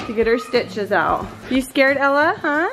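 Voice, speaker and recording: American mom cooing and chatting, slightly high voice, roomy echo. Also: female voice, lively intonation, a little slow. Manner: cooing baby talk to a pet. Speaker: mother and family vlogger. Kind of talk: casual vlog chat.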